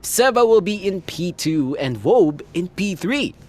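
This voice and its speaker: A man doing casual live commentary on a sim racing stream, relaxed and chatty, laughing often. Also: high-pitched, measured pace.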